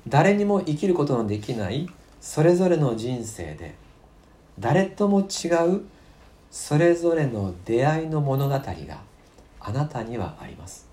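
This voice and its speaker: A male pastor giving a sermon at a church service and reading scripture aloud, stressing key phrases by repeating them and sometimes dropping to a soft near-whisper. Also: mid-range voice, sing-song, measured pace.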